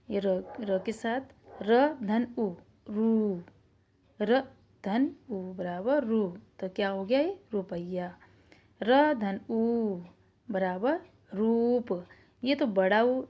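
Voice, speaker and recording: Slow, mellow-voiced woman teacher. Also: mid-range voice, husky. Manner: slow, explaining patiently, asks questions and answers them herself. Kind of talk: online Hindi grammar lesson for children.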